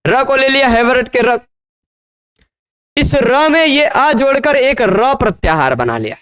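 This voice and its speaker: Slow, patient male grammar teacher. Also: very high-pitched, expressive, fairly bright tone, clean tone. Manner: patient, repeats syllables and checks understanding often. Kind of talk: slow classroom lecture.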